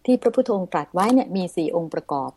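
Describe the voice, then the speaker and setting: Polite, low-voiced woman radio host. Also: animated, very fast, breathy edge. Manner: polite, formal, softened with frequent polite particles. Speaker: radio talk show host. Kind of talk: radio Dhamma talk show. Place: radio studio.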